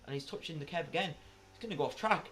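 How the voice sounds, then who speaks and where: A man with a Northern English accent co-commentating a sim race, chatty and quick to laugh and tease. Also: fairly high pitch, fairly bright tone, slight background noise. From Northern England. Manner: chatty, laughs often, teasing.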